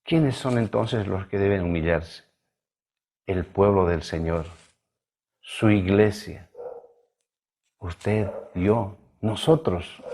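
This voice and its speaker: A male pastor from Bolivia preaching a sermon in a measured, emphatic way, drawing out key words. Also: fairly low pitch, gravelly, darkish tone, breathy edge. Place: church livestream.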